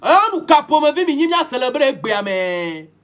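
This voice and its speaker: A man's voice: extremely high pitch, sing-song, moderate pace, fairly bright tone. A man giving a preachy, repetitive live-stream monologue, switching languages mid-sentence. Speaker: livestream host.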